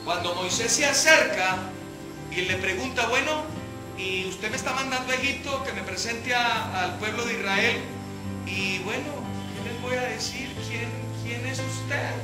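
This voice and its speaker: Animated woman teaching scripture. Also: a little high, unhurried. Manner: animated, acts out scripture quotes, asks rhetorical questions. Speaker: Bible study teacher. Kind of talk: Bible study sermon. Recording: echoey hall with faint music.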